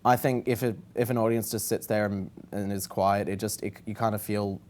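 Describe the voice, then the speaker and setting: A man's voice: fairly low pitch, fairly even intonation, a little fast, darkish tone. An Australian man chats casually as an interviewed drag performer, emphatic, irreverent and gushing. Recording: faint background noise and ambience.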